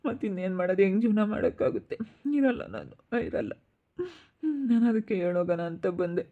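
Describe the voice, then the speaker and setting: A man's voice: sits high, a little fast, gravelly, phone-quality sound. A man acting a distressed young husband in an amateur family skit, pleading and repeating himself. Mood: despairing. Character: distressed young husband, despairing over money.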